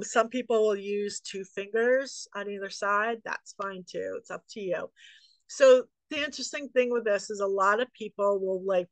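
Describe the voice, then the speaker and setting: A woman teaching a breathing class, giving slow, patient cues with long pauses and chatty, self-deprecating asides. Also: medium pitch, fairly bright tone, no room sound, poor audio. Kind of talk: guided breathing instruction.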